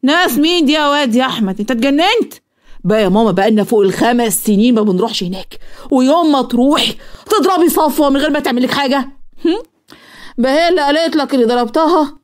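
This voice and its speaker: Woman putting on a shrill scolding Egyptian aunt. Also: lively intonation, quick pace. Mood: indignant. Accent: Egyptian Arabic. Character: loud spiteful middle-aged aunt.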